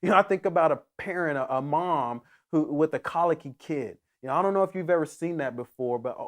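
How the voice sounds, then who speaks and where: A man's voice: fairly high pitch, a little fast. A man preaching a sermon as pastor, earnest and emphatic, often restarting his phrases as he builds toward a point.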